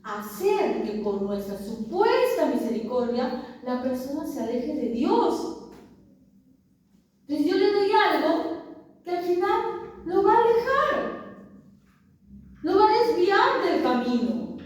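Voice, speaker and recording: A woman delivers a sermon in a high voice with wide swings in pitch, a measured pace, frequent pauses, and a slightly mellow quality. She calls her congregation brothers and puts rhetorical questions to them. The room is very echoey and she stands far from the microphone.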